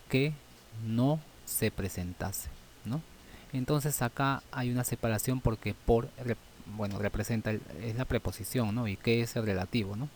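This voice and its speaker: A man teaching a grammar lesson, thinking aloud and ending phrases with quick checking questions, with many fillers. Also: fairly low pitch, a little mellow, slight background noise.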